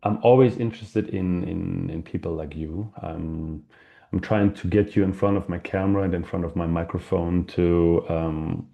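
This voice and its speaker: A man hosting a podcast, asking rambling, halting questions full of fillers. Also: low-pitched, fairly even intonation, vocal fry, muffled recording. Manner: halting, many fillers and repeated words. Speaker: podcast host. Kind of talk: casual interview questions.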